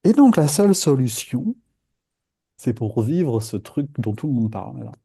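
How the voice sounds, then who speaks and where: Dark husky-voiced man teaching meditation. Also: medium pitch, measured pace. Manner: lively, playful, acts out inner voices. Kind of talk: live group meditation talk.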